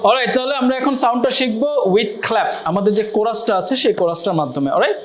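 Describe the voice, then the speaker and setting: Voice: mid-range voice, animated, fast talker, a loud crowd. English teacher drilling a chanting class. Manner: leads class in call-and-response drills; mixes Bengali with English phrases. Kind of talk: classroom language lesson.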